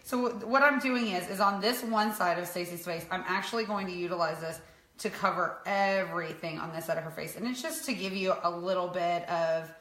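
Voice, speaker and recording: A woman's voice: lowish voice, brisk, a bit bright. Rambling woman in her thirties doing makeup. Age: 30s. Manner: rambling, talks to viewers as ladies. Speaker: makeup artist co-host. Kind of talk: casual makeup demo chat. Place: sunny home room. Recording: echoey room.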